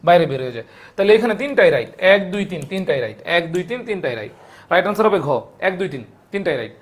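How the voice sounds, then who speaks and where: A man's voice: sits high, big pitch swings, fast. A young man from Bangladesh teaching a live online biology class, going through exam questions, repeating each point several times and calling out viewers' names from the comments.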